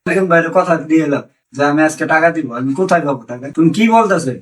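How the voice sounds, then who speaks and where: A man's voice: on the high side, racing, close to an everyday voice. An actor playing a husband back from years abroad who insistently demands his savings, with a Bangladeshi accent. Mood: angry. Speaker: returned migrant worker. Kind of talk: amateur drama acting. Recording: voice distant from the mic.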